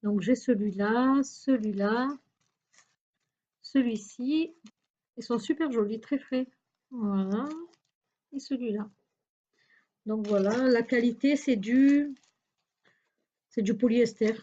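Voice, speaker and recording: A woman's voice: fairly high pitch, slow, pauses often, mellow, highs cut off. A woman chatting through a shopping haul video, hesitant and searching for words with many fillers. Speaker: YouTuber showing a shopping haul. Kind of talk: casual haul video chat.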